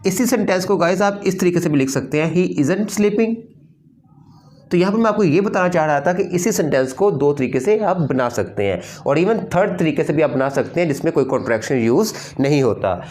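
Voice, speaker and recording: A man's voice: on the high side, expressive, brisk, a little mellow. Man patiently explaining English grammar. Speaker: English teacher.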